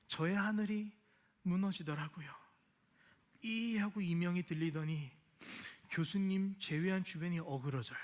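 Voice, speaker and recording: A middle-aged man, a pastor, telling a personal story in a sermon, acting out dialogue and dropping to whispers at tender moments. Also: high-pitched.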